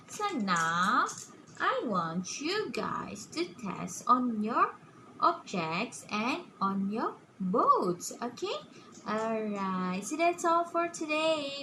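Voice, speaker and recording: A woman with a fairly high voice speaks very slowly in a kids show host manner, guiding young children through a simple demonstration. Her delivery is halting, with frequent little check-in questions. The recording has clear background noise. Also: pushed and bright. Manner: halting, often punctuated with "okay?". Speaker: preschool science teacher presenting a demonstration. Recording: clearly noisy room recording.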